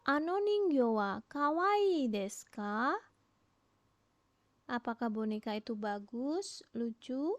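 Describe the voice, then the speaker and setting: A woman teaching a language lesson, explaining patiently and modelling each phrase slowly, with questions rising at the end. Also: on the high side, lively intonation, no echo. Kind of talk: recorded online lesson.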